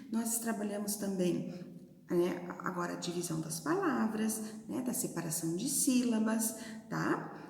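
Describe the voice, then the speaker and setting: A Brazilian woman teacher gives a video lesson to young children, her raised, mellow voice swinging widely and roughened by a little gravel. She sounds out syllables slowly and patiently. The room around her rings with long, echoey reverb. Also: fairly high pitch. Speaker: primary school teacher.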